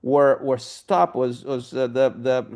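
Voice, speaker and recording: With a mid-range, slightly mellow voice, a middle-aged male pastor who has a Romanian accent works through a long, halting question at a discussion. Pauses and fillers come often.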